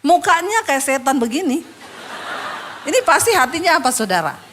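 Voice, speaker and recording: A woman pastor from Indonesia delivers a sermon in a bright, high register. She tells a story and acts out the dialogue of each person in it, with lively timing aimed at her congregation. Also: moderate pace, slight background noise. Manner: animated, acts out both sides of a conversation.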